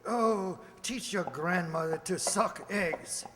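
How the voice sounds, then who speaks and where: An actor playing a blunt, slightly testy gentleman doctor and sidekick in a radio play. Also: sits high, slow pace. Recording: noisy, echoey hall recording.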